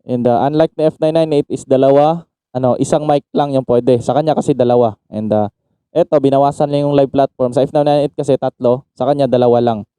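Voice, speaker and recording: A man's voice: mid-range voice, steady tone, brisk, mellow, clear, resonant tone, no echo. A man from the Philippines giving a casual product demo, chatting to viewers as "idol" and breaking into mic checks. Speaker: sound card reviewer and MC. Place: home facing a market.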